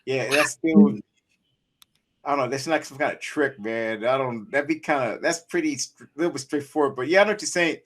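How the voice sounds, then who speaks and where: A man hosting a casual chat show, joking and animated, often restarting his sentences. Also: medium pitch, a little fast. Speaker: show host.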